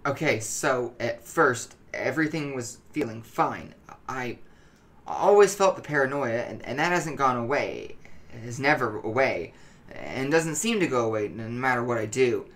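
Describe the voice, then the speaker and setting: A narrator voicing an agitated, paranoid male test subject in a horror story, halting and stammering over repeated words. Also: mid-range voice, animated, a bit bright. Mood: anxious, strained.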